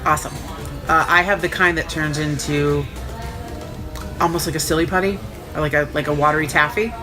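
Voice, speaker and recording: Casting: woman with a low voice, frank and sardonic storyteller, sore and recovering post-op, music underneath. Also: fairly even intonation, brisk. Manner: frank, wry, sarcastic. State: sore and recovering a day after surgery. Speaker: vlogger recounting own surgery. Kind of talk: casual first-person storytelling.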